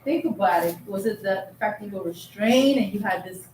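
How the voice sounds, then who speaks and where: A woman's voice: mid-range voice, brisk, a little mellow. A woman counselor leading a group, asking reflective questions and explaining in a guiding way. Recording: echoey room, faint noise.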